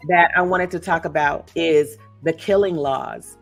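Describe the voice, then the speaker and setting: A woman's voice: low voice, measured pace, gravelly, soft background music. A woman hosting a talk show and discussing as an author, in an emphatic, storytelling way with frequent asides. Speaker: podcast host and author. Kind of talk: casual discussion.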